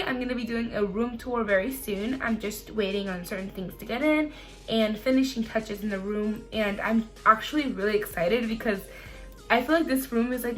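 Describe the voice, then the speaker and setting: Young woman, slightly high voice, casual vlog chat, chatty storyteller, animated retelling. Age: young adult. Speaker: vlogger. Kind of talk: casual chat to camera, personal Q&A.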